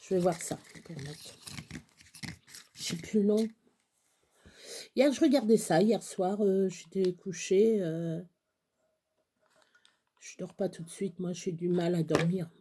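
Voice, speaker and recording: A woman chatting casually through a crafting tutorial, rambling and halting with many fillers, sometimes dropping to a whisper. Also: on the low side, background noise. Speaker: craft vlogger.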